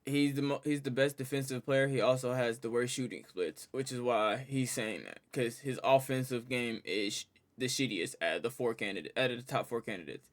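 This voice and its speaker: A man's voice: medium pitch, a little fast, few pauses. A man casually reacting on a live stream, loose and profane, joking with his chat.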